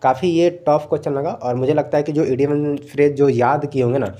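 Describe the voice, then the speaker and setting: Young indian guy tutoring, mellow kinda high voice, laid back, keeps saying "thik hai". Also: normal speed. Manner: relaxed, repeats "thik hai" often, mixes in English words. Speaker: exam coaching teacher. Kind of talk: casual explanatory lecture.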